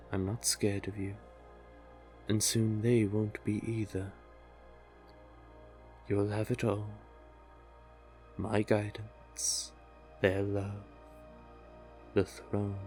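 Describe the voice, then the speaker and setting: A man plays a seductive merman sea witch, speaking low and at a very slow, deliberate pace. Doting and manipulative, he coaxes and soothes the listener like a hypnotic roleplay, with soft music behind him.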